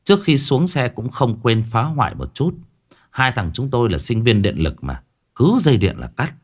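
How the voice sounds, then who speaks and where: A man narrating a first-person story in a gruff, dramatic way. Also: fairly low pitch. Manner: gruff and dramatic, acting out his own shouted lines.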